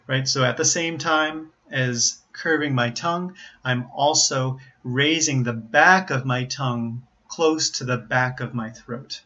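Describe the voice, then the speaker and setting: An American man giving an instructional pronunciation lesson, explaining carefully and enunciating examples deliberately. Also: medium pitch, bright, forceful tone. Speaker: English pronunciation teacher. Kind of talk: instructional explanation with word demonstrations. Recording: slightly dull, lo-fi audio.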